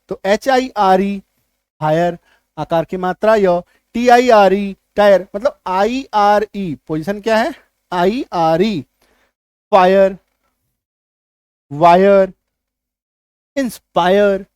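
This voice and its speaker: His voice is high-pitched, slightly mellow and smooth, and he speaks slowly with long pauses. Teaching English spelling at a classroom whiteboard, he spells words out letter by letter, often checks whether students are following, and turns key points into questions he answers himself, all with no echo.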